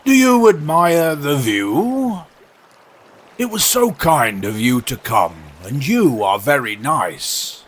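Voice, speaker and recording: A man voicing a pompous, unctuous, falsely sorrowful walrus in a storybook poem, with a slow, grandly drawn-out delivery. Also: fairly high pitch, big pitch swings, a bit bright, slight background noise, pitched above the performer's own voice, heavily acted. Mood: smoothly polite.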